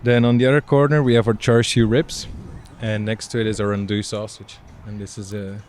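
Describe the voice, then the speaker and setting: A young man from Belgium, a chef, calmly describing dishes in a casual interview. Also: on the low side, slight background noise. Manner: plain, unhurried descriptions with fillers.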